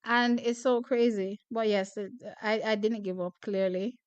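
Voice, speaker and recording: A young Jamaican woman who runs a track and field channel reads viewer comments in a casual chat, laughing often and repeating herself. Her slightly high voice keeps a fairly even intonation at a measured pace, recorded cleanly without room sound.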